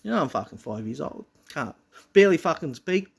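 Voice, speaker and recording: A man with a husky voice tells his own story, swearing freely and pressing hard on his words. His pitch sits a touch high and swings widely from line to line. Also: very animated, fairly quick. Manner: profane, emphatic storytelling. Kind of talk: personal monologue.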